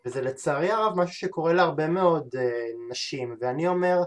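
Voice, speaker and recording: Hesitant male interviewer with many fillers. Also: a little high. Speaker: podcast host. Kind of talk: interview conversation.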